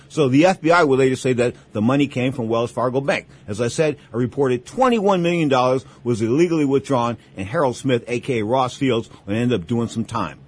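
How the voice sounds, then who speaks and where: A man's voice: mid-range voice, husky. A man hosting a sports radio show, delivering an emphatic, showy boxing monologue with ring-announcer flourishes. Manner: emphatic, showman-like, repeats catchphrases. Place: radio studio.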